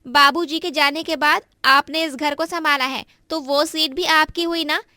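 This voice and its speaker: A woman voicing a quarrelsome young daughter-in-law in a cartoon story, who speaks in a sharp, taunting way. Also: high voice, steady tone, moderate pace, no echo, clean studio sound.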